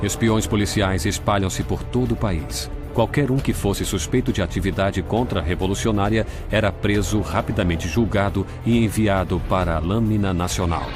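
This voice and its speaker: A man reading scripted documentary narration in a grave, measured way, recorded as a studio voice-over. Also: fairly low pitch. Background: music.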